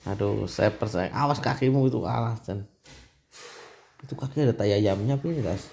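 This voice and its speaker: A man's voice: on the low side, brisk, gravelly, darkish tone, a little hiss or hum. A middle-aged man, a father filming his family at home on a phone and teasing them in casual chat. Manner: teasing, chatty, keeps addressing his daughter.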